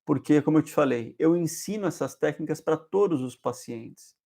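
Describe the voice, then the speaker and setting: A man's voice: a little high, expressive, normal speed, creaky, dark tone. A man, a hypnotherapist hosting a casual spoken lesson, explaining with repeated example phrases and often checking in with the listener. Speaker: hypnotherapist host.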